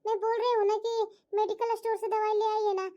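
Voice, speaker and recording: A woman's voice: very high voice, level tone, fairly quick, warm tone. A woman voicing a modest, polite young daughter-in-law in a family cartoon. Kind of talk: cartoon voice acting.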